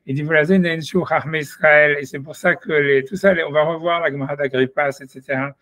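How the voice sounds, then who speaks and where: A man gives a relaxed Talmud lesson, his slightly raised voice picked up close and dry. He works things out as he goes, stopping and restarting his sentences. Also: a little high, dry recording. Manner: halting, thinking aloud with many restarts. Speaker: Torah study teacher.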